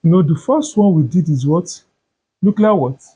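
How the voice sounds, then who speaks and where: Male chemistry teacher, slow, mellow and husky, quizzes the class and supplies the answers. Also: a little high, animated. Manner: asks questions and fills in the answers himself. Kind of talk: chemistry lesson. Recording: dull lo-fi sound.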